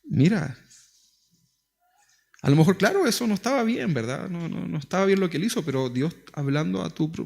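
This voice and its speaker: A man preaching a sermon in a relaxed, talkative way, his voice sitting high and rough with gravel. He speaks with a Chilean accent and keeps turning to his listeners with questions. He sounds like a pastor leading his church. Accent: Chilean Spanish. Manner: conversational preaching with rhetorical questions; acts out quoted prayers.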